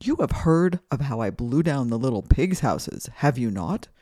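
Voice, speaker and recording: A woman's voice: extremely low pitch, big pitch swings, moderate pace, dark tone, no echo, clean studio sound, voice pushed down, full character voice. A woman doing a boastful blustering wind. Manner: bragging, insistent.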